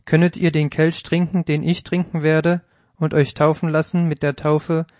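A man reading Jesus, solemn and measured. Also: on the high side, level tone, a little mellow, no echo, muffled recording, natural voice. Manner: measured, solemn archaic phrasing. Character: Jesus, calm grown male teacher. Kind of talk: scripted audio Bible reading.

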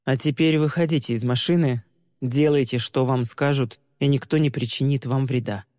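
A man reads as a scheming young driver, unruffled and matter-of-fact, a quiet menace under every line. The voice is warm and dark, with a long reverb tail. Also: mid-range voice, moderate pace, studio quality, close to an everyday voice. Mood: coolly menacing. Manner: calm, flat and matter-of-fact, coolly menacing. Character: cool, scheming young man driving a limousine.

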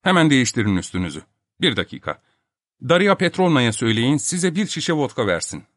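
A man's voice: medium pitch, big pitch swings, fairly quick, fairly bright tone, no echo, clean studio sound, voice pushed up. A man voicing an irritable elderly professor, exasperated and commanding. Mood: brisk.

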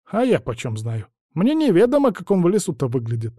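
A man's voice: high voice, wildly swooping pitch, fairly quick, warm tone, dry recording, clean studio sound, voice pushed up, full character voice. A man voicing a grumbling, cunning old witch woman who talks evasively. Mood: cagey. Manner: cranky, evasive, sing-song.

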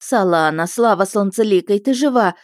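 A woman's voice: mid-range voice, animated, moderate pace, dry recording, studio quality, close to an everyday voice. A woman voicing a stout, tearful noble mother in middle age. She sounds emotional and pleading. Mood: tearful relief.

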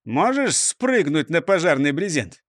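A man's voice: a little high, big pitch swings, a little slow, no echo, studio quality. A man voicing a stern, sensible fire chief in a storybook reading, scolding and matter-of-fact. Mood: practical.

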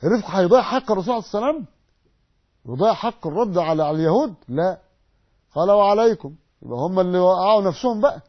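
A man preaching a sermon lesson in an Egyptian accent, emphatic, posing rhetorical questions and repeating sayings slowly for emphasis. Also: sits high, lively intonation, husky, muffled recording. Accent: Egyptian Arabic. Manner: emphatic, asks rhetorical questions and answers them.

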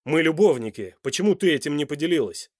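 A man's voice: medium pitch, fast talker, dry recording, studio quality, lightly acted. A man voicing a hot-tempered, demanding son. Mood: angry. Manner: loud, sharp, demanding.

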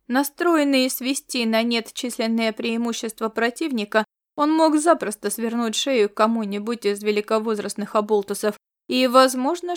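A woman giving a steady, expressive scripted audiobook narration. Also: fairly high pitch.

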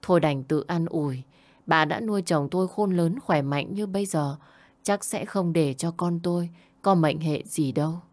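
A young woman narrating a first-person story in a calm, plaintive way. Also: lowish voice, moderate pace. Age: young adult. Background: faint music.

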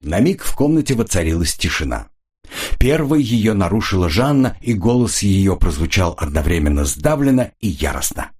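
A man with a husky voice narrating a crime novel audiobook expressively. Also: low voice, normal speed. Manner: expressive, voices each figure.

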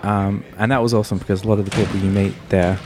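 A man's voice: on the low side, little pitch movement, rapid-fire, background noise. A man hosting a podcast interview, chatting casually and rambling with lots of fillers. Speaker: podcast host.

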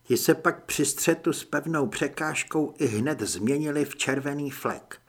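A man reading first-person audiobook narration in an expressive way. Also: a little high, husky.

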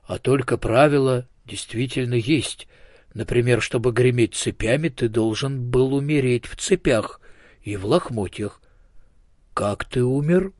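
A man voicing a small, proud, sickly talking elephant in an audiobook, slow, dignified and peevish. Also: medium pitch, darkish tone, no room sound, studio quality, close to an everyday voice. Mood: stern. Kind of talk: audiobook character voice.

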